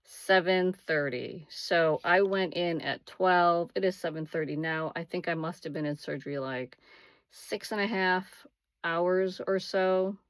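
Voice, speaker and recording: Low-voiced woman telling a dramatic story. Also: a little slow, no echo. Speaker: vlogger. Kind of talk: casual first-person storytelling.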